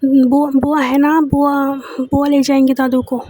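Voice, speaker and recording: A woman's voice: sits high, level tone, fairly quick, darkish tone, no room sound, lightly acted. A woman voicing a demanding, bossy young woman who scolds her girlfriend with insistent questions.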